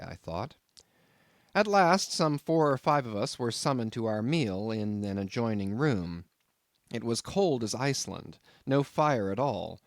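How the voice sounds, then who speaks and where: An audiobook narrator reads a classic novel aloud from a script, telling the story in a measured, expressive way. His voice sits at medium pitch, and the clean studio sound has no room echo.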